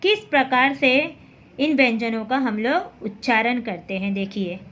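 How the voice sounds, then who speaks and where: Female teacher, patient lesson delivery, drawn-out letter by letter, muffled recording. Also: a little high, fairly bright tone. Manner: slow, drawn-out recitation of letters; patient explaining with repeated checks. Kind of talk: Hindi alphabet lesson. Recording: dull lo-fi recording with faint noise.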